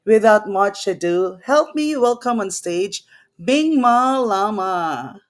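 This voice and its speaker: A woman's voice: medium pitch, expressive, slow pace. A woman hosting an online interview show, talking in an enthusiastic, effusive way. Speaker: host.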